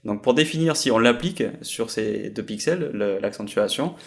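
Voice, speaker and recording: A man giving a screen-recorded software tutorial, explaining step by step with frequent hesitations. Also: on the low side, normal speed, creaky. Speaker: software trainer.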